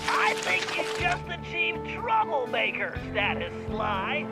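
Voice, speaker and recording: A man's voice: very high-pitched, big pitch swings, slow pace, gravelly, exaggerated voice, rough recording. An actor playing a nerdy, eager male turtle planner in a game cutscene, briefing and making puns. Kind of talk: video game cutscene acting. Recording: game music underneath.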